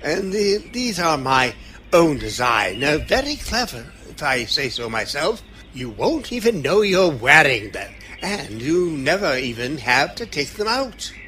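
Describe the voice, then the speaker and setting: An actor in an audio drama playing an eccentric, kindly, cheerful old time-travelling doctor who dithers through ums and broken phrases. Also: male voice, fairly high pitch, very animated, unhurried, pushed and bright, a little hiss or hum, heavily acted. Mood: fussy, gentle.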